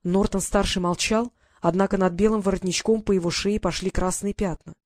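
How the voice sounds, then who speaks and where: Even fantasy audiobook narrator, mid-pitched, dry booth sound. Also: a little fast, no room sound. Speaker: audiobook reader.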